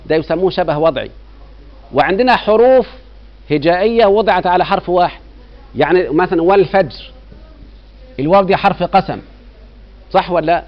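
Egyptian male grammar teacher, middle-aged, higher-pitched voice, keeps quizzing his class, dull lo-fi sound. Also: a little fast, long pauses. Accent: Egyptian Arabic. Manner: keeps quizzing students with rhetorical checks. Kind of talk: classroom lecture. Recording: dull lo-fi recording.

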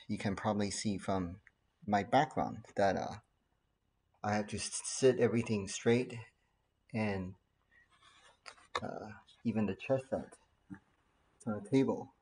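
A Taiwanese pediatrician in his forties talks casually to his laptop webcam from his living room. His voice is on the low side and slightly rough, and he comes across calm, earnest, and measured, with frequent fillers.

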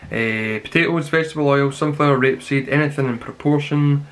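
A man in his twenties giving a rambling, casual review to camera, grumbling in a deadpan way. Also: on the high side, brisk. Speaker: snack reviewer. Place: small plain room indoors. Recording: clearly noisy home recording with clicks.

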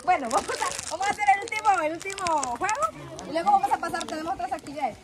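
A woman's voice: very high-pitched, rapid-fire. A woman hosting children's games at an outdoor event, giving directions and coaxing kids to join in. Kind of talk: animated game hosting. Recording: loud crowd noise outdoors.

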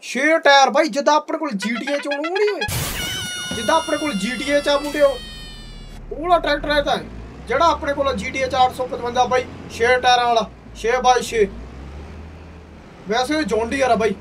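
A man's voice: very high voice, a little fast, long pauses, over music. A young man giving casual gameplay commentary, full of hearty, exclamatory banter aimed at his viewers. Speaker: gaming video host. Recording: distant mic, faint background noise.

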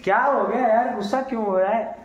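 A young man with a slightly high voice speaks into a handheld phone at home. He is chatty and loose, teasing the people around him as he talks to his viewers. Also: fairly quick, lo-fi sound, a little hiss or hum. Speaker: vlogger. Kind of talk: casual vlog narration. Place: family home, indoors.

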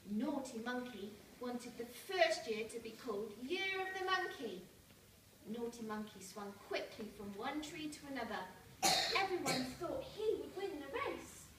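A young, high-voiced woman reads a picture book aloud slowly and deliberately, very animated and fairly bright, stopping for simple asides to check in with the small children listening. She is in a large indoor primary school hall, captured by a camera several metres away. The recording is echoey and the room is noisy.

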